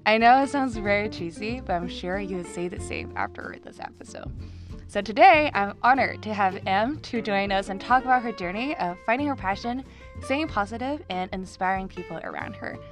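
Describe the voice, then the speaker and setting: A woman's voice: medium pitch, big pitch swings, normal speed, over music. Friendly young woman podcast host. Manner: friendly, gushing, backchannels often. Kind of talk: casual interview.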